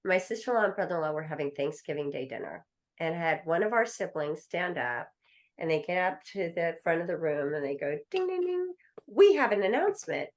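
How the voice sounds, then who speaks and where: A woman's voice: sits low, a little fast. A middle-aged woman, an attorney guest, telling a story in a podcast interview and acting out the voices of the people in it. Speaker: estate planning attorney guest.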